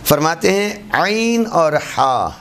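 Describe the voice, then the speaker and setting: A man giving a classroom lesson on Quran recitation, demonstrating letter sounds slowly and repeating them for students. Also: a little high, very animated, fairly bright tone, a little hiss or hum.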